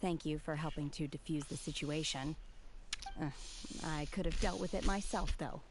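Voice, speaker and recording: A woman voicing an aloof, blunt young woman warrior who speaks calmly and matter-of-factly, in game cutscene dialogue. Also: low voice, normal speed, background noise. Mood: detached. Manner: calm, detached, matter-of-fact.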